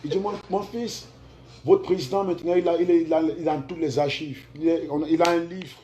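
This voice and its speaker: A fairly high-voiced man from Cameroon with a Cameroonian French accent hosts a livestream. He mocks and taunts in an animated way, repeating his own phrases for effect. His talk comes in quick, loose bursts. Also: slight background noise. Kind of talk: mocking livestream chat with sung taunts.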